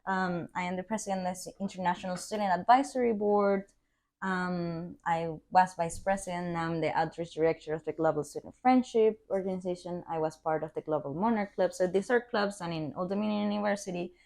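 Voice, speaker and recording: Earnest young woman, fairly low voice. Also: steady tone, a little fast, darkish tone. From Venezuela. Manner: earnest, laughs often, searches for words. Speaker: podcast guest, PhD student. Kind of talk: casual interview chat.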